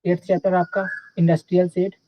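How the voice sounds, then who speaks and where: A man's voice: sits high, flat delivery, brisk, no echo, dull audio. A young man teaching a live online class in a casual, chatty way, often checking in with his students.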